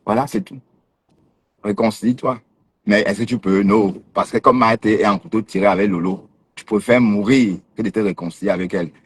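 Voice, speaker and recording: A man talks straight at a rival on his livestream, teasing and challenging him. His voice sits a little low and comes out husky. He jeers and scolds in a casual, unscripted way. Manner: mocking, confrontational, teasing laughs. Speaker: livestream host.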